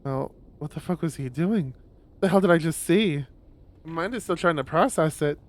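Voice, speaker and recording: A man streaming a visual novel, reading the story aloud in a lowered voice with loud reactions. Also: moderate pace. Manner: reads narration in a lowered voice, reacts with loud exclaims. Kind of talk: reading a story game aloud with chatty asides.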